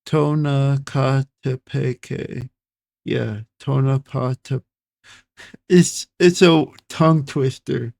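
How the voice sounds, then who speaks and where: Reaction streamer, male, gravelly and flat; reads haltingly, trips on and repeats tricky words. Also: medium pitch, dry recording. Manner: stumbles over hard words and repeats them; slow, halting delivery. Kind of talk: reading an article aloud and reacting.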